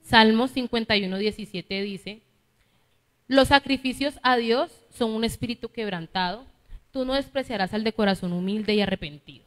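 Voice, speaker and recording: A woman's voice: a little high, normal speed, fairly bright tone, in a large hall. A woman with a Colombian accent from Cali preaching a sermon, teaching and often asking her listeners for agreement. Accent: Colombian Spanish, Cali. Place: church hall.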